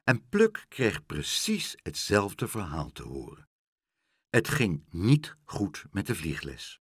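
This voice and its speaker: Slow expressive male storyteller. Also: low voice, slightly rough, no echo, clean studio sound. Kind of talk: reading a children's story aloud.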